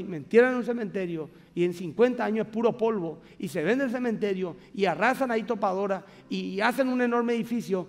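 A man's voice: high-pitched, big-room sound. A man pastor with a Paraguayan accent preaching a sermon, emphatic and conversational, speaking straight to the congregation in a large church. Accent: Paraguayan Spanish.

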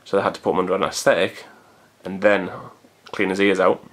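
A man's voice: low voice, level tone, brisk. A man, chatting casually to his own camcorder at home in a rambling way. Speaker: vlogger. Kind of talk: casual chat to camera. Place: hot room at home. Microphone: camcorder built-in mic.

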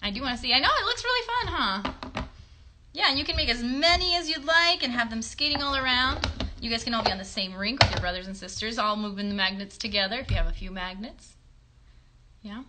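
A woman in her thirties hosts a puppet show, chatting casually and encouragingly with children through simple questions and praise. Her voice is on the high side, animated and a little fast. She's in a bedroom at home, recorded on a phone a short distance away, with background noise.

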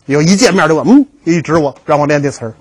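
A man's voice: a little high, animated, quick pace, husky. A man giving a history lecture to a class, telling stories with jokes and acting out the dialogues. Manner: storytelling, jokey, acts out dialogues.

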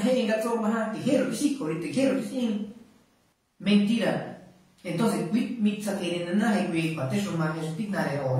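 A man's voice: high voice, darkish tone. A man preaching a sermon, switching between Mazatec and Spanish, with rising questions and lots of repetition. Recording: echoey room, voice far from mic.

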